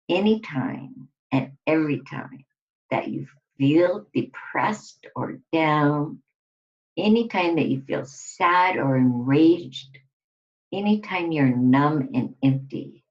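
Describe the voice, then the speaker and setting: Short, deliberate phrases with pauses between them mark this woman's scripted guided relaxation. She has a low voice, and the recording is dull and lo-fi.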